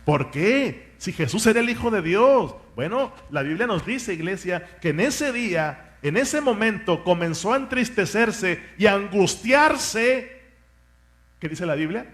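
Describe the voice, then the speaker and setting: A man's voice: high voice, lively intonation, a little slow, a bit bright. A man, a pastor, preaching a sermon with fervent rhetorical questions and asking his congregation to repeat words after him.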